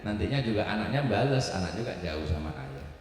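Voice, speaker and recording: A man giving a humorous sermon as a preacher, animated and playful. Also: fairly low pitch, brisk. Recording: echoey hall, far mic, faint music.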